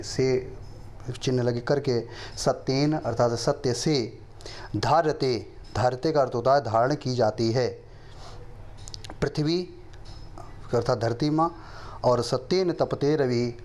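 A middle-aged man teaching a lesson, reciting verses slowly in a chant and then explaining them quickly. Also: mid-range voice, darkish tone. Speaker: Sanskrit teacher.

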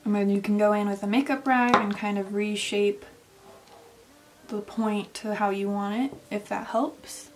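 A woman's voice: mid-range voice, steady tone, unhurried, darkish tone, slight background noise. A young woman narrating a makeup tutorial in a casual, step-by-step way, sometimes dropping to a near whisper. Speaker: makeup vlogger.

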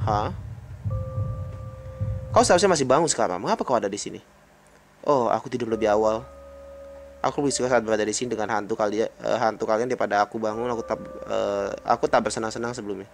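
A man's voice: fast, vocal fry, long pauses, a little hiss or hum. A man reading a visual novel's dialogue aloud in his own voice, with casual remarks of his own in between. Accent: Indonesian. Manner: reads all characters in his own voice, jumps to high pitch for excited lines.

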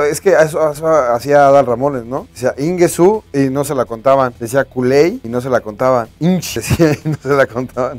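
A Mexican man hosting his vlog, chatting in a loose, joking and slangy way at an ordinary middle pitch. Soft music runs faintly underneath his voice. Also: no echo. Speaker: YouTuber host. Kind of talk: casual anecdote vlog.

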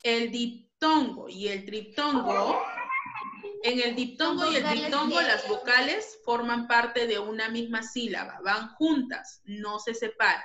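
A woman's voice: a little high, unhurried, noisy background. A woman teaching a grammar lesson to pupils, patient and repeating each point. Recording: echoey room.

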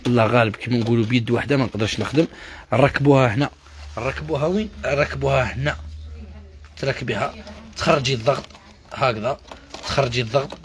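A man with an Algerian accent, a shop seller doing a repetitive, pushy live sales pitch to his viewers. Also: fast talker, long pauses, a little hiss or hum. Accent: Algerian Arabic.

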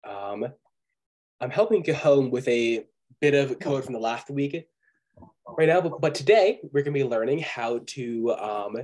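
A man who is currently sick teaches an online coding class over a video call, with a mid-range voice. He speaks in a relaxed, patient manner with lots of pauses and ums.

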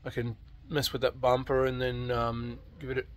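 A man's voice: mid-range voice, completely flat delivery, moderate pace. Rambling man vlogging his car work. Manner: rambling, many ums and trailing restarts. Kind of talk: casual vlog chat. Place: open carport at home, outdoors. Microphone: phone camera held close.

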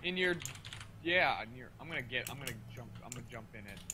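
A man chatting casually while playing a game, cracking jokes and firing off quick questions. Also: mid-range voice, expressive, sharp tone. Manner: joking, quick-fire questions. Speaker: game player. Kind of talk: casual gaming chat.

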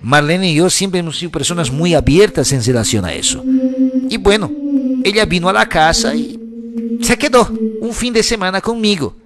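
A man slowly telling a personal story in the first person, halting and conversational. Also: sits high, animated, crowd noise. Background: music.

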